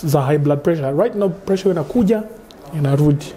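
A young man with a Kenyan accent, a guest chatting candidly, mixing English and Swahili with halting restarts, recorded on a restaurant set. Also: a little high, dark tone. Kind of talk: casual interview chat.

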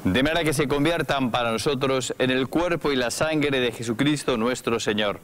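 A man leading Mass as the priest, reciting the liturgical prayers in a solemn, measured way in a small chapel. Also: mid-range voice, a bit bright. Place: small chapel studio with brick wall.

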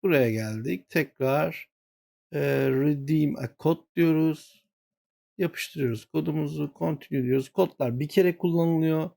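A man's voice: fairly high pitch, gravelly, warm tone. A man hosting a gaming channel, walking viewers through a screen-share tutorial and muttering to himself when he gets flustered.

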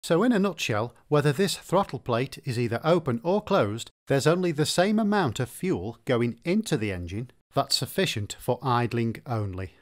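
A man narrating a repair tutorial, explaining engine workings in a steady, methodical way. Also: medium pitch, normal speed, few pauses. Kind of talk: scripted instructional narration.

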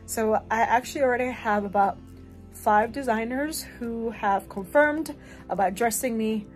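A woman's voice: a little high, unhurried, soft background music. A young woman from Zambia, chatting casually in a vlog while she packs in her bedroom, laughing often and using many fillers. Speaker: vlogger. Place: bedroom at home.

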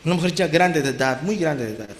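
A middle-aged man preaching a sermon as a pastor, impassioned, swinging from soft to loud emphasis. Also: fairly high pitch, expressive, fast, a little hiss or hum. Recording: roomy echo.

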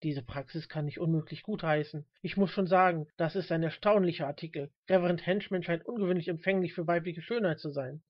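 A woman voicing a gentle, mild old man who speaks calmly. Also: on the low side, brisk, few pauses, no echo, muffled recording, lightly acted.

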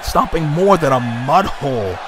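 A man doing excited play-by-play commentary over a wrestling video game, exclaiming and gasping as his voice leaps up. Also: a little high, normal speed. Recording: loud game music and crowd noise. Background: game music and arena crowd.

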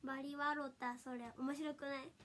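A high-voiced young woman talks on a livestream. Her voice is nasal and stuffy from a summer cold, and she giggles through her casual chat. Faint noise sits under the recording. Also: level tone, normal speed, fairly bright tone. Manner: giggly and playful, frequent laughter. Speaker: idol livestreamer.

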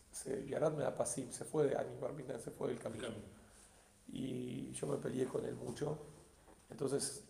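Argentine rabbi, gravelly and echoey. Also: male voice, fairly high pitch. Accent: Argentine Spanish. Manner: swings between quiet narration and loud emphatic bursts. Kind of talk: weekly sermon with storytelling. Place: synagogue community hall. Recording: echoey room.

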